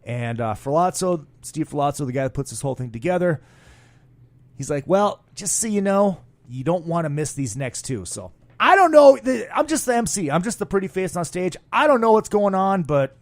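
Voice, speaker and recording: Man, podcast host, hungover, higher-pitched, brash, profane, slangy, casual ad-libbed plugs, dry studio sound. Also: big pitch swings, moderate pace, dry recording.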